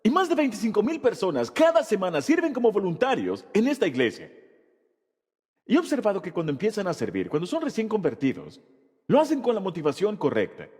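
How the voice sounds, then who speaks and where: Husky man preaching in a reverberant hall. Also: high voice, wildly swooping pitch, a little fast, a little mellow. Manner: emphatic preaching delivery with rhetorical questions. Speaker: Spanish voice-over of a pastor's sermon. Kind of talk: sermon.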